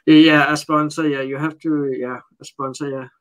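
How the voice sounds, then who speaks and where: A Danish man, speaking English as a second language with a Danish accent, is a guest in a casual, unscripted interview. His voice is fairly high and bright, his delivery flat, and he halts often, searching for words as he translates.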